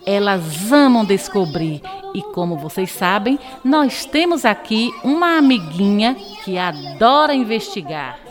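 A woman's voice: mid-range voice, big pitch swings, unhurried, hardly any pauses, faint music behind. A woman hosting a children's programme in a scripted kids show host style.

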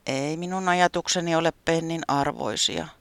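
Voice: mid-range voice, no room sound, voice pushed up, natural voice. A narrator voicing a glum, mumbling sheep painter. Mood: gloomy. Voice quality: soft, half-whispered. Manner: mumbling and downcast. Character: gloomy, self-doubting sheep painter. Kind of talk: storybook character voice.

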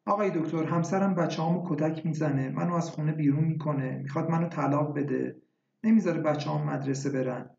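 A man doing a pleading village wife, gravelly slightly high voice, echoey dull recording. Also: steady tone, darkish tone. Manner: pleading, tearful. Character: desperate village wife, middle-aged.

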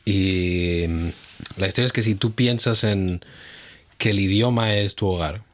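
A man's voice: low voice, measured pace. A man from Spain co-hosting a casual chat, explaining at length with hesitations and fillers. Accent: Spanish from Spain. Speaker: co-host.

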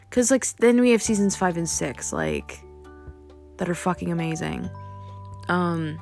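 Rambling young woman podcaster, lowish voice. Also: creaky. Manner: rambling, filler-heavy, swears casually. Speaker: podcast host. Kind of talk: casual solo podcast rambling.

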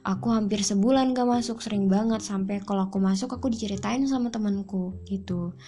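A woman's voice: medium pitch, mellow. Chatty young woman telling her story. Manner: chatty, drawn-out fillers, quoting herself. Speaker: vlogger. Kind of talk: casual personal storytelling.

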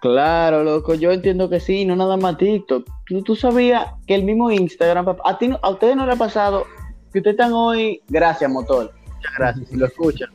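A man's voice: sits high, fairly quick, darkish tone, muffled recording, faint music behind. A young man with a Dominican accent in casual chat, explaining things with slangy, acted-out examples.

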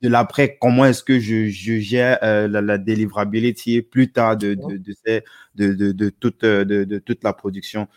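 A man hosting a casual interview, asking questions in a halting way with many fillers. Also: on the low side, fairly even intonation, dry recording, studio quality. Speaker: podcast host.

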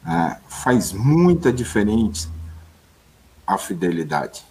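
A man co-hosting a casual chat, calmly reflecting on love and relationships. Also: lowish voice, takes it slowly, slight background noise. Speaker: co-host.

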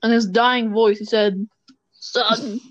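A man bantering with a gaming friend, teasing and telling deadpan joke stories. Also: extremely high pitch, moderate pace. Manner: teasing, storytelling, deadpan jokes. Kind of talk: casual banter. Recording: dull lo-fi sound.

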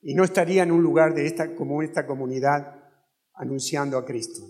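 A man's voice: a little high, fairly even intonation, a little fast, a little mellow. A man with an Argentine accent preaching a fervent sermon in a chapel, with a repetitive preaching cadence. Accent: Argentine Spanish.

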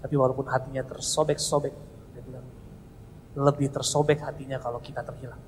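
A man's voice: mid-range voice, level tone, a little fast, a little mellow. A man giving an earnest, heartfelt personal testimony to an audience in a large hall. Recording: reverberant hall with faint noise.

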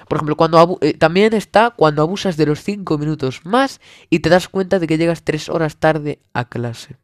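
A man's voice: fairly high pitch, dry recording, studio quality. A young man with a Spanish accent from Spain, delivering a sarcastic comedic monologue full of exaggeration and swearing.

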